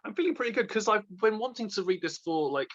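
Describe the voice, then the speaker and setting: A man in his thirties, a book vlogger co-hosting a readalong, chats about books casually and without a script, full of enthusiasm and self-deprecating jokes. His voice is high, animated, quick and a bit bright. The recording sounds muffled.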